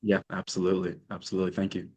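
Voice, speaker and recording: A man's voice: low voice, monotone, racing, a little mellow, breathy edge. A man who is a guest in an interview, talking confidently and tagging his points with a questioning aside. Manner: confident, keeps tagging "right?". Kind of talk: interview conversation.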